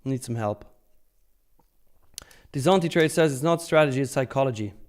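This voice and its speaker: Joking around and cursing freely, a man runs a live futures-trading stream, keeping things informal as he comments and replies to viewers. He speaks at a normal speed in a medium-pitched voice with a darkish tone.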